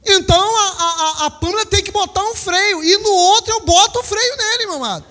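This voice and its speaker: A man's voice: extremely high pitch, brisk, pushed and bright, big-room sound. A man in his fifties from Brazil, preaching a sermon as pastor, repeating his warnings emphatically and acting out little scenes. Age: 50s. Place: church hall.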